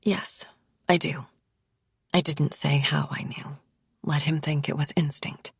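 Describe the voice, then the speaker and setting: Low, gravelly woman narrating a thriller. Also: level tone, normal speed, no echo, clean studio sound. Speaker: audiobook narrator. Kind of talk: first-person thriller narration.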